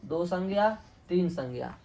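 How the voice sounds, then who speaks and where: A man's voice: sits high, lively intonation, unhurried, vocal fry, warm tone. A man teaching a Sanskrit grammar lesson, asking questions and answering them himself, repeating each term.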